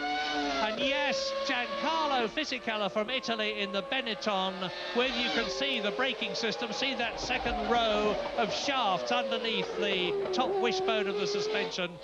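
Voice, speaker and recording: A man calling a motor race live on television, briskly giving positions and lap counts, heard from a worn VHS tape copy. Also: extremely high pitch. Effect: worn VHS tape copy of a TV broadcast. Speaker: lead race commentator. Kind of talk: live motor racing commentary. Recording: muffled, hissy worn videotape.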